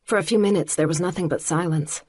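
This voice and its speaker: A woman narrating an audiobook in the first person with a measured, quietly intimate reading. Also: on the low side, slightly rough, dry recording.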